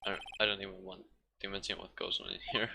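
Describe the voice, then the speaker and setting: A man's voice: sits low, level tone, quick pace, gravelly, background noise. A man live-streaming a game and reading its dialogue aloud, with casual, chuckling asides. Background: game music.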